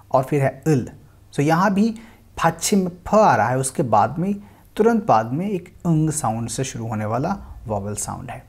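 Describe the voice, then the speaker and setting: A man's voice: mid-range voice, gravelly, a little mellow, breathy edge. A man teaching a language lesson, patiently explaining and repeating example words, slipping English phrases into his talk. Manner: mixes English phrases into Hindi speech.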